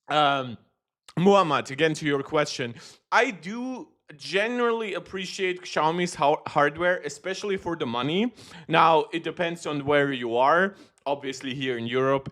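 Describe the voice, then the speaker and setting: A young tech YouTuber from Moldova, a native Russian speaker, comments live on tech news. His mid-range, slightly bright voice rambles and corrects itself, packed with fillers.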